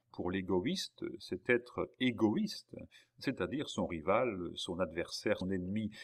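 A man with a somewhat low voice narrates a classic novel. His reading is measured and deliberate, with dramatic pauses between phrases. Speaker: audiobook narrator.

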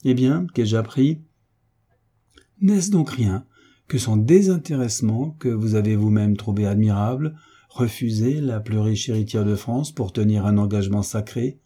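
A man voicing a calm, patient hunchbacked marquis in an audiobook, explaining things soothingly. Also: lowish voice, moderate pace, slightly rough.

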